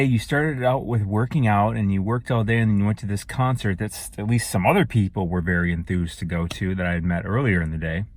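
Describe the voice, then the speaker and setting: A man's voice: on the low side, no room sound. A man talking to camera in a casual, rambling monologue that grows emphatic and profane. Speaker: vlogger.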